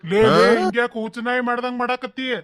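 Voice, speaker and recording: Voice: medium pitch, fairly even intonation, fast talker, a bit bright, clear, resonant tone, lightly acted. Someone doing a grumbling old village father-in-law. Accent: North Karnataka Kannada. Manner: grumbling, complaining. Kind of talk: cartoon comedy voice acting.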